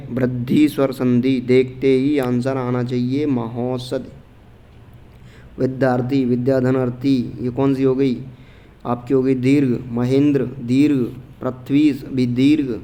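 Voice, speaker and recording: A man running a casual exam-prep grammar class, going through answer options one by one. His voice is mellow and dark, and he talks informally, checking in with students as he goes. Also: mid-range voice, little pitch movement, a little slow, clear, resonant tone. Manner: informal, repeats "theek hai" often, reads out answer options. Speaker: exam coaching teacher. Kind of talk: casual Hindi grammar lesson.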